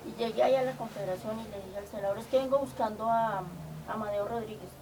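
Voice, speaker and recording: An older woman from Colombia, telling lively stories from her community work, often acting out quoted dialogue. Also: fairly high pitch, fast. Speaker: community organizer. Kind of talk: storytelling. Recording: distant mic with clear background noise.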